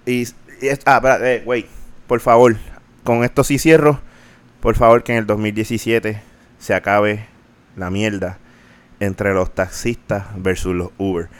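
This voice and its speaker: Young man, Puerto Rican accent, podcast host; animated, profane rant, casual code-switching. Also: on the low side, measured pace, smooth. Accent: Puerto Rican Spanish. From Puerto Rico. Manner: ranting, animated, mixes English into Spanish, swears freely.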